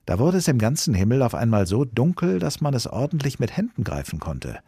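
Lively man reading a fairy tale. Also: medium pitch, a little fast, husky, no room sound, clean studio sound. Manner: lively, voices the characters. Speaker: storyteller.

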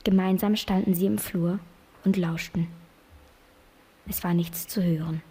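A young girl reading a children's novel aloud, breathy and expressive. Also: fairly low pitch, a little slow. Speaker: reading contest winner.

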